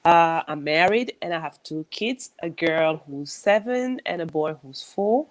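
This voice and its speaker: Low-voiced woman from Senegal. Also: lively intonation, measured pace. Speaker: panelist. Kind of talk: casual panel discussion. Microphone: video call.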